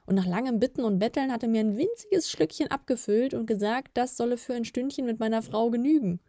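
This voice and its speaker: A woman's voice: medium pitch, fairly quick, a little mellow, no echo, studio quality, lightly acted. A woman doing Nip, a pompous little elf. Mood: sheepish. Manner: pompous, rising and sheepish. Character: fussy self-important male elf.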